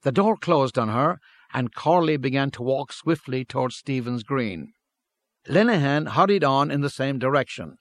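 Brief: male narrator for a story reading, measured and steady, middle pitch, dry close recording. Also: no echo.

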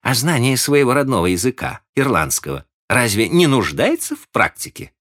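A sharp-tongued young woman presses her questions in a raised, lively voice that swings widely in pitch, as a male narrator puts her on. She sounds insistent and pointed, the way a storybook reader lifts his own low voice for her. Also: normal speed.

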